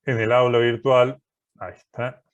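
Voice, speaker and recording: A man's voice: medium pitch, level tone, a little slow, highs cut off. A man teaching a programming class, walking through code step by step and often checking that students follow. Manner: methodical, keeps checking understanding with "¿sí?".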